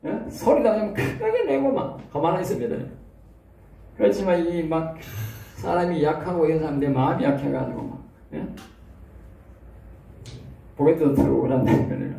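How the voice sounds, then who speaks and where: A Gyeongsang-accented male pastor preaches in a high, dark-toned voice. He peppers his teaching with rhetorical questions and quick check-ins. He is recorded from a distance in an echoey room. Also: animated, gravelly. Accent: Gyeongsang Korean. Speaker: pastor teaching theology students. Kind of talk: expository sermon.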